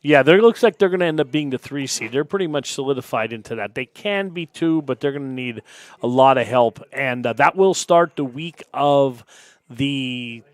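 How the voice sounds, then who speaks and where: Man calling softball play-by-play. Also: dry recording. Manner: brisk, reads lineups and calls pitches. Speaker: play-by-play announcer. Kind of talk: live softball play-by-play commentary.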